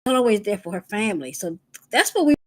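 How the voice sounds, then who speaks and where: A woman's voice: medium pitch, very animated, fast. A woman hosting her weekly live stream, casual and emotional, close to tears as she introduces a guest. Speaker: host.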